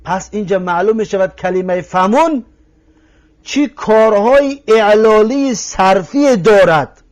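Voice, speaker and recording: Man, Tajik accent, high voice, patient teacher, slow drilling repetition, checks on listeners. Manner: patient, repeats words slowly to drill them; addresses listeners directly, asks if they follow. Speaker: Arabic language teacher. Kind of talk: recorded language lesson.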